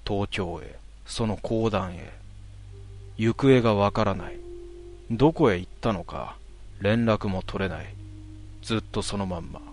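A man telling a ghost story in a hushed voice, with drawn-out words and dramatic pauses. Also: fairly low pitch, a little hiss or hum.

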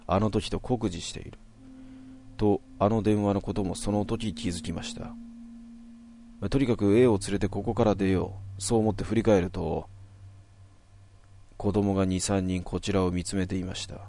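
A man narrating a horror story from his own past in a measured, suspenseful way. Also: sits low, fairly even intonation, gravelly, dark tone.

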